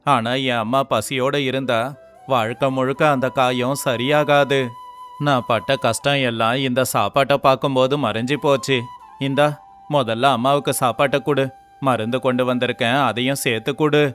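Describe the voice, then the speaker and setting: Guy voicing a tired poor worker in a cartoon, earnest, mid pitch. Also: fairly even intonation, moderate pace, fairly bright tone, soft background music, lightly acted. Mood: gentle. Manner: pleading, earnest. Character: poor, weary, honest young male laborer. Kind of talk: storybook voice acting.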